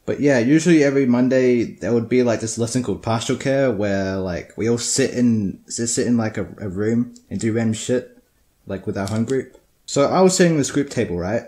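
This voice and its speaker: Teen boy, mid-pitched, profane and rambling, casual storytelling. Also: brisk, dark tone. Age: teenager. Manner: crude, profane, rambling with many restarts.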